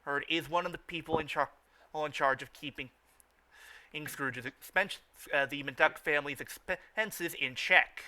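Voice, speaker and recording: Hosting a fan riffing show, a man offers casual fan commentary in a fairly high, very bright, forceful voice at a slightly slow pace. He stammers often, looping back to repeat phrases before he finishes a thought.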